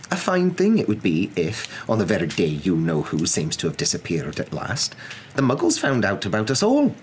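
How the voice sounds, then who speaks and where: Man putting on stern, high-voiced witch professor McGonagall. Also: very animated, moderate pace. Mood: indignant. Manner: clipped, indignant, exasperated. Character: stern, irritable older witch professor, impatient and anxious. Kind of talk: storybook character reading. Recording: clear background noise.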